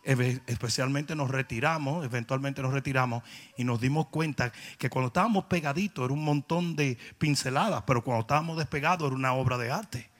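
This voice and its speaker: A man with a Dominican accent preaching a humorous sermon, telling stories with comic voices and building to loud, emphatic peaks. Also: medium pitch, fairly quick. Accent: Dominican Spanish. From Dominican Republic. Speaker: pastor.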